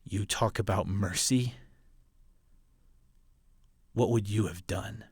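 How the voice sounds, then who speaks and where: A man playing a hardened, ruthless military officer, a colonel delivering a grave, deliberate dramatic film monologue. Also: on the low side, a little mellow, dry recording. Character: hardened, ruthless military colonel justifying his brutal mission.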